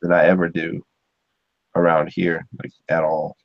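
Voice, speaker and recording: Man from Ohio, casual rambling chat, lowish voice, dry muffled recording. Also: level tone, a little slow, no room sound. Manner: rambling, filler-heavy, chuckling. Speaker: podcast host. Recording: dull muffled sound.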